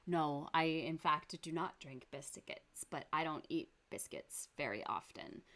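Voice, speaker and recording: A woman's voice: low voice, a little slow, fairly bright tone. A pregnant woman from Canada giving dry, sarcastic reaction commentary on a vlog.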